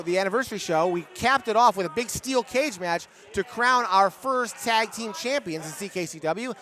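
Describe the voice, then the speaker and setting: High-pitched middle-aged male wrestling announcer. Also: pushed and bright. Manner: sportscaster-style announcing. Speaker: play-by-play wrestling commentator. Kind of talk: pro wrestling match commentary.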